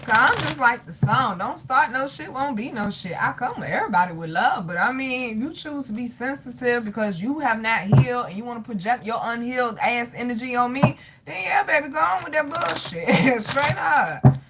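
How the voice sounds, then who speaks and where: Her voice is a little high and animated, at a moderate pace, against a noisy background. She runs a live tarot reading, going through comments in casual chat, sassy, blunt and profane, with lots of honey and baby for her viewers.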